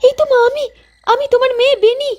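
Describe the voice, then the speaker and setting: A woman's voice: very high voice, level tone, quick pace, darkish tone, muffled recording. A woman playing an anxious, caring young daughter in a cartoon ghost story, questioning and concerned. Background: background music.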